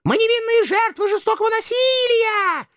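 Shrill outraged fish-tailed nereid, voiced by a man. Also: lively intonation, moderate pace, a bit bright, no room sound, studio quality. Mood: pleading. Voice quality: thin shrill voice. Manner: hysterical, outraged. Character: shrill indignant female river nereids, half fish. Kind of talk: audiobook character voice.

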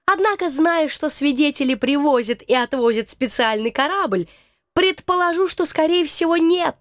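A woman's voice: sits high, lively intonation, normal speed, fairly bright tone, dry recording, clean studio sound, voice pushed up. A woman reading the part of a jittery, touchy male scientist in an audiobook, with a shaky, self-important manner. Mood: nervous boastful.

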